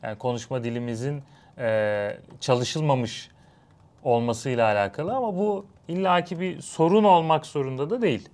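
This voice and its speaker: A man's voice: mid-range voice, moderate pace, darkish tone. A young man co-hosting a casual live stream, wry and teasing, correcting his partner's word choices. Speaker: co-host.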